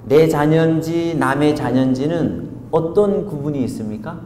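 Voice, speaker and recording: A male pastor preaching a revival sermon, animated and constantly asking the congregation questions. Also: on the high side, normal speed, a little hiss or hum. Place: church revival tent meeting. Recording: echoey hall with faint ambience.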